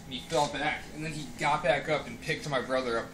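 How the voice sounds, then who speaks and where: A man's voice: a little high, brisk, noisy background. Rambling young man in a home video. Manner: rambling, excitable, swears, repeats himself. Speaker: vlogger. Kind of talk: casual storytelling to camera. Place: apartment room, indoors. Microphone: camera held by a cameraman.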